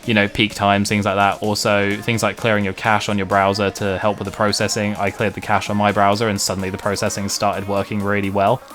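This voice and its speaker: A man's voice: on the low side, completely flat delivery, fairly quick, hardly any pauses, a bit bright, faint music behind. A man with a slightly nasal English Home Counties accent, talking casually and self-deprecatingly in a streamer's vlog. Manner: self-deprecating, mildly sweary. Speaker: video game streamer.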